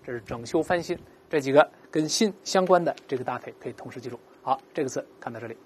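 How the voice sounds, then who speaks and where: A woman with a very deep voice and a faint hiss or hum teaches English vocabulary. She explains words patiently, models their pronunciation slowly for students to repeat, and says "right?" many times.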